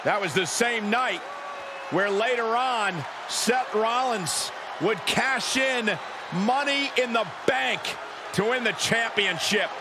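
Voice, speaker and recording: Male play-by-play wrestling announcer, high register, buried in roaring arena noise. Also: takes it slowly. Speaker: wrestling commentator. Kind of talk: play-by-play sports commentary. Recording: loud arena crowd noise throughout. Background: roaring arena crowd.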